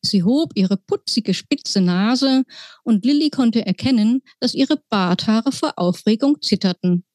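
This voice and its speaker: A woman author reading her children's book aloud in a slow, deliberate storytelling manner. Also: fairly high pitch, expressive, a little mellow, dry recording.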